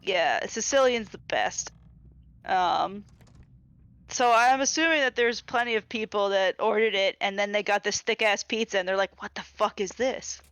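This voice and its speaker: A woman on a game stream chatting casually, telling stories and swearing freely, at a mid pitch. Her voice sounds dry and close, with no room echo. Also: normal speed, fairly bright tone, smooth. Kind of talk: casual gaming stream chat.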